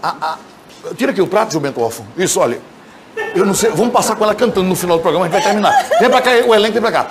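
A middle-aged Brazilian man hosting a TV show with loud, excitable, teasing banter. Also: high-pitched, rapid-fire, very noisy. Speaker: TV show host. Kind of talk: boisterous live banter. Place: large TV studio. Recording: loud music and studio crowd behind.

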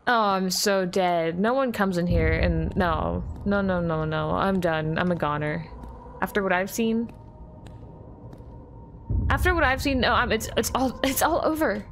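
A young woman commentating her horror game play, jumpy and excitable, often gasping and laughing nervously. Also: mid-range voice, unhurried, soft background music. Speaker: gaming YouTuber.

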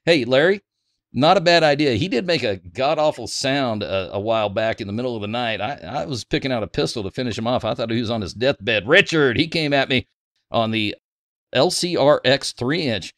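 A man's voice: mid-range voice, brisk, fairly bright tone, no room sound, studio quality. A man hosting a gun channel vlog, reading viewer comments aloud in a joking, crude, self-mocking way.

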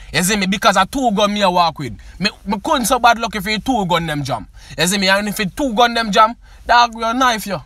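Jamaican male song reviewer, emphatic, forceful bright tone. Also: high-pitched, no room sound. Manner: emphatic, keeps asking "you see me". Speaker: music reviewer. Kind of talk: casual song commentary.

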